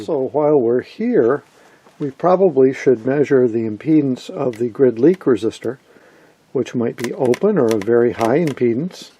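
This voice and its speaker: A middle-aged vintage radio hobbyist presents a hands-on demonstration off camera at a workbench in an indoor workshop, explaining casually and matter-of-factly as he works. His voice is medium in pitch, warm, with a breathy edge.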